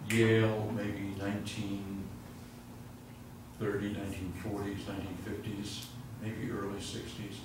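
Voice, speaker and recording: An older man teaching university physics speaks unhurriedly in a fairly low, completely flat voice, wandering into anecdotes, interrupting himself, and working equations at the board. A far-off room mic captures him in an echoey, noisy lecture hall lined with chalkboards.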